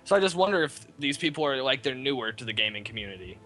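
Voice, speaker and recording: An American man chatting casually on a game stream, talkative and quick to laugh. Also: mid-range voice, sing-song, sharp tone, soft background music. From United States.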